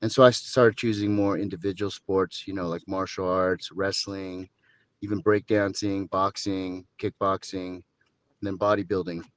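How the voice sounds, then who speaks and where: This man in his fifties from Southern California speaks low, with little pitch movement and at a normal speed. As a podcast guest he tells his story in casual interview talk, full of dry jokes and rambling asides.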